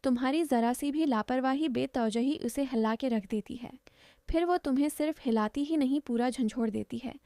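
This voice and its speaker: A woman's voice: high-pitched, warm tone, no echo, clean studio sound. A woman voicing the playful, teasing young friend of a fiancée in a narrated story.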